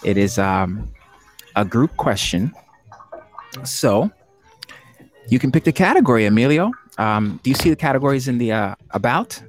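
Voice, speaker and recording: A man's voice: mid-range voice, animated, moderate pace, pauses often. A man hosting an online trivia game show for poets, chatty and jokey, laughing often.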